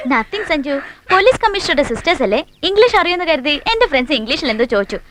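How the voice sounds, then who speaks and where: An actress playing an indignant young wife who complains in film dialogue. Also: female voice, sits high, very animated, quick pace, fairly bright tone. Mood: complaining.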